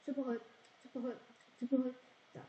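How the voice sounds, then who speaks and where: A woman's voice: high voice, little pitch movement, fairly quick, warm tone, dull audio. A young female friend chatting while gaming, teasing and chanting words over and over. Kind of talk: casual gaming chat.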